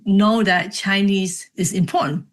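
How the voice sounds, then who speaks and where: A woman's voice: medium pitch, fairly even intonation, measured pace. A middle-aged woman from Cambodia, a book author, recalling her childhood in a reflective, casual interview with many fillers. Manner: reflective, storytelling with frequent fillers. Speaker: author and podcast guest.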